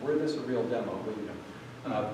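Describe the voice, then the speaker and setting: With a lowish voice and a brisk delivery, a product demo presenter rambles through a casual live tech demonstration, full of fillers and restarts. The sound comes from far away in a noisy, echoey hall.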